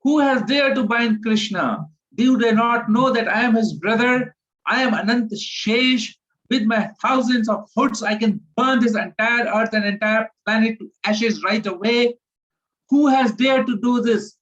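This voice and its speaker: A man doing a fiery boy god, high and loud. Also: a little slow. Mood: furious. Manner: booming threats, then wailing helplessness. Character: boy god, fiery protective older brother. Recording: dull lo-fi recording.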